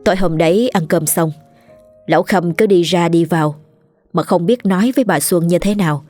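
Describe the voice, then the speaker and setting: A woman narrating a ghost story in a steady, measured reading voice. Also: lowish voice. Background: soft background music.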